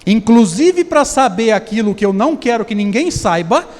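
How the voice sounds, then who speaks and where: A man's voice: extremely high pitch, very animated, moderate pace, darkish tone. A man with a Brazilian Portuguese accent giving a conversational seminar lecture, often putting questions to the audience. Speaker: spiritist lecturer. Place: lecture hall. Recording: long hall reverb.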